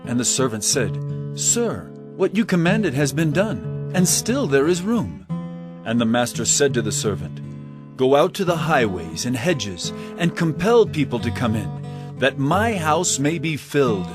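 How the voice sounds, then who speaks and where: An earnest, highly expressive Jesus. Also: male voice, a little slow, over music. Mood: storytelling. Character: Jesus, an earnest male teacher telling parables. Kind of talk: audio drama Bible acting.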